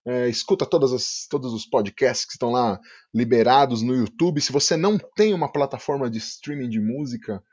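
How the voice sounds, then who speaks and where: A man's voice: medium pitch, a little mellow, slightly rough, dull audio. A man with a Brazilian Portuguese accent hosting a casual podcast interview in an effusive, slangy, hyperbolic way. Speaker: podcast host.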